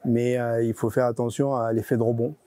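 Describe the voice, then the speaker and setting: A man who is regional deputy director at a nonprofit explains things in an interview, hesitating and repeating his words frequently. His mid-range voice is warm, delivered flatly and a little fast.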